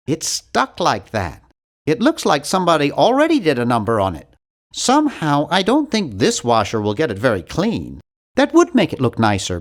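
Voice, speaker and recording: In animated adventure game voice acting, a man plays an earnest, timid young nerd with a precise, fussy delivery. His voice sits a little high and the performance is heavily acted.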